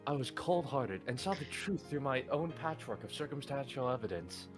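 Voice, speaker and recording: A man's voice: medium pitch, animated, moderate pace, music in the background. A man co-hosting a let's play, casually reading game dialogue aloud and chatting.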